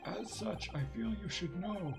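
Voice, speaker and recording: A courteous elderly professor with a raised, formal voice, as a man puts him on. He speaks in careful, measured sentences, with game music playing clearly behind him. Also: high-pitched, rough recording. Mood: grave.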